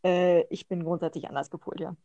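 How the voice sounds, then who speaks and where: A woman's voice: on the low side, steady tone, brisk, warm tone, dry recording, highs cut off. A woman from the northern German coast co-hosting a podcast, chatty and full of hesitant fillers. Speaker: podcast co-host. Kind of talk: casual podcast discussion.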